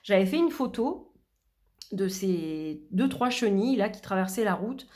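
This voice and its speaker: A woman's voice: mid-range voice, lively intonation, a little slow, a little mellow. A middle-aged woman vlogging in a casual, chatty way, with many fillers and restarts, her voice a little worn. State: losing her voice. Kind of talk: casual chat.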